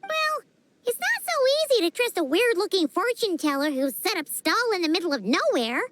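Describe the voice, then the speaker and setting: A woman voicing a cheeky, squeaky little fairy-like companion in a video game. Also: big pitch swings, normal speed, fairly bright tone, no echo, exaggerated voice. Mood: cheeky, skeptical. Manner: cheeky, refers to herself in third person. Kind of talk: video game character dialogue.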